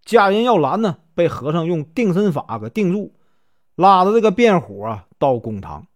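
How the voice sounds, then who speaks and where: Lively Northeastern Chinese male storyteller. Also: sits high, moderate pace. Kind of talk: storytelling narration.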